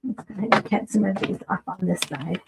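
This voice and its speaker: A woman's voice: lowish voice, fast, creaky, noisy background. A woman hosting a casual craft tutorial, chatting to viewers while she works with her hands.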